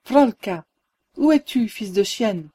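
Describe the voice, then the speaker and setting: A woman's voice: mid-range voice, lively intonation, takes it slowly, breathy edge. A woman voicing a savage Cossack rebel band, bellowing commands. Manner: shouted commands. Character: savage male Cossack rebel mob, bloodthirsty.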